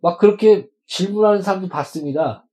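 A man's voice: sits high, fairly quick, dark tone, poor audio. A male pastor preaching a sermon to his congregation, emphatic and stretching words out for stress.

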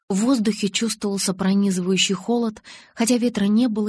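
A woman reading an audiobook in measured, even narration. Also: medium pitch, husky, no room sound. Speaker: audiobook reader.

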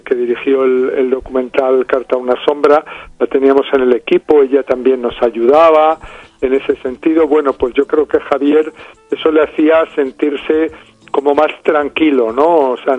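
A man's voice: medium pitch, no echo. A man with a Spanish accent from Spain, a film director talking thoughtfully in an interview, with many fillers and restarts. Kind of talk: interview over the phone. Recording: tinny phone line.

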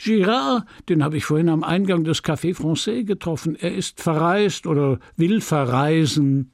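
A man's voice: a little high, moderate pace, no room sound, clean studio sound, voice pushed up, natural voice. A man voicing a talkative, oblivious country doctor husband in a storybook reading. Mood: chatty.

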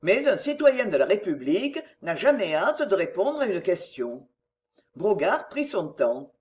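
A narrator reading a classic novel aloud in an expressive literary style. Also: mid-range voice, a little slow. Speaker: audiobook narrator. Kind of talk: scripted narration.

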